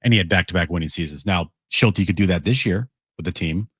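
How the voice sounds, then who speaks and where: Co-host, man, very low voice, wry deadpan delivery, dry studio sound. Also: fast talker, breathy edge, no room sound. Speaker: sports radio co-host. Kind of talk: casual sports talk radio. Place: radio studio.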